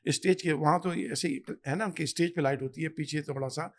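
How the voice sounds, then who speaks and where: A man's voice: a little high, fairly even intonation. A man, an imam and guest scholar, speaking emphatically in a podcast interview, preaching and telling stories. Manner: emphatic, storytelling, exhorting. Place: Canada.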